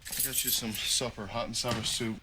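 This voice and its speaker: An actor playing a calm, guarded man with a dry wit, in a TV drama scene. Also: mid-range voice, moderate pace, noisy background, close to an everyday voice. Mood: steady. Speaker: TV drama character.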